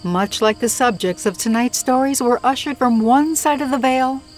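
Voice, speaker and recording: A woman narrating scripted first-person scary stories in a measured, expressive way. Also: on the high side, soft background music. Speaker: horror story narrator.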